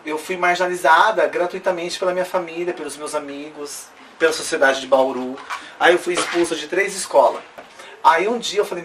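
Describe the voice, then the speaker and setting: A woman's voice: sits low, slight background noise. A woman tells her life story in an interview, earnest and emotional, often checking in with tag questions. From Brazil. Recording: distant mic with faint room ambience.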